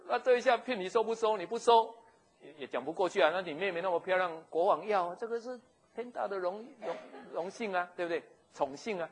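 A man, telling a story in a sermon in an animated, jokey way. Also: high-pitched, fast talker, rough recording. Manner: animated, jokey, with frequent chuckles and restarts. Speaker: pastor.

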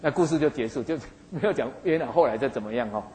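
A man's voice: mid-range voice, expressive, quick pace, darkish tone, a little hiss or hum, poor audio. A man preaching, retelling a Bible story in a folksy way and acting out the figures in it. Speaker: pastor.

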